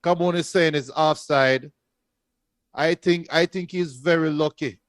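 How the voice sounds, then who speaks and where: A man co-hosting a football watch-along, joking and giving shout-outs to viewers. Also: on the high side, fairly even intonation, measured pace, no echo. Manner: jokey, reads out viewer shout-outs, laughs often.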